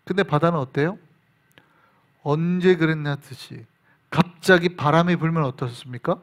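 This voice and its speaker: A man preaching a Wednesday evening sermon in a church, animated, acting out shouted quotes and dropping to hushed whispers. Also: fairly high pitch, normal speed. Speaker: pastor. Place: church sanctuary.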